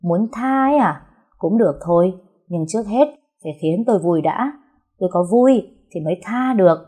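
A woman's voice: medium pitch, lively intonation, moderate pace, warm tone, husky. A woman voicing a bold young woman who talks defiantly and commandingly. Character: bold, sharp-tongued young woman, Trúc.

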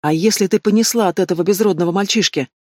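A stern, commanding noble mother, put on by a man reading an audiobook. Her words are curt and cold, in a fairly high, close, dry voice. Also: fast, darkish tone, no echo.

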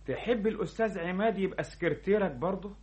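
A man playing a fawning, scheming deputy manager with an Egyptian accent, flattering and insinuating, in an old radio comedy-drama. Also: high-pitched, fast, natural voice. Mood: sly, insinuating.

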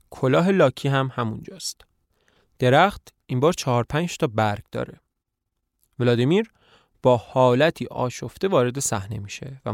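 A man retells a play for a podcast, speaking in a relaxed, conversational way. His voice sits at a mid pitch. The recording is close and dry, with no room sound. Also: no echo. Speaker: podcast narrator. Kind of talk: storytelling a play in colloquial speech.

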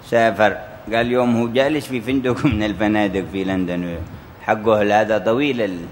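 A man's voice: lowish voice, steady tone, brisk, slight background noise. A man teaching a religious text, telling stories and acting out the quoted voices. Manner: storytelling with quoted voices, rising and falling emphasis. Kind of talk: sermon-style commentary on a classical text. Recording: echoey hall with faint ambience.

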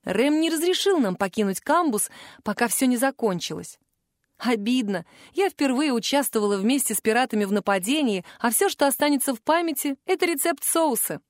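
Woman narrator, fairly high voice, lively expressive reading, dry close sound, first-person fantasy audiobook. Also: brisk, no echo.

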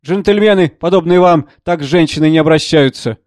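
A man's voice: fairly high pitch, fairly quick, a little mellow, no room sound, clean studio sound, natural voice. A man voicing a burly, insolent man who talks down with sneering politeness. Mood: mocking. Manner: sneering, condescending.

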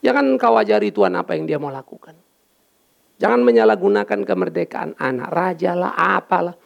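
A man preaching a lively sermon as pastor, bantering with his congregation and dropping in English words. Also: sits high, brisk, creaky, muffled recording. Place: church.

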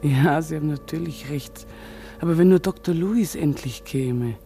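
A woman's voice: deep voice, moderate pace, dark tone, soft background music. A woman playing an uneasy night nurse. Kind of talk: radio play acting.

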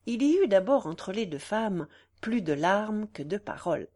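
A woman reads a classic novel aloud in a middle-pitched voice. Her delivery is expressive and dramatic, with a lively, wide-ranging melody. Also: normal speed. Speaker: audiobook narrator. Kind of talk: literary audiobook narration.

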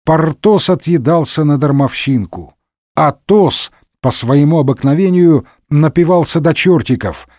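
A man reading a humorous story aloud in a lively, wry manner. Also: on the high side, unhurried, dry recording, clean studio sound. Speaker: narrator.

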